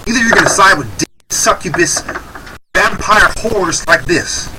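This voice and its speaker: High, lively man ranting heatedly. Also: a little slow, recorded from a distance, heavy background noise. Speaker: video commentator. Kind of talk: reacting to a clip with commentary.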